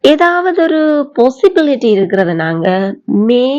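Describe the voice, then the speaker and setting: A woman with a Tamil accent teaching spoken English, drawing out model sentences slowly for learners to repeat. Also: sits high, very animated, a little mellow, dull audio. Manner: slow, drawn-out model sentences for repetition. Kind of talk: bilingual language lesson.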